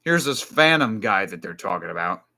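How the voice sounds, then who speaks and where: A man's voice: lowish voice, sing-song, moderate pace, gravelly, bright, forceful tone. A man from New Jersey chatting casually on a live stream, rambling with restarts and asides while reading definitions aloud.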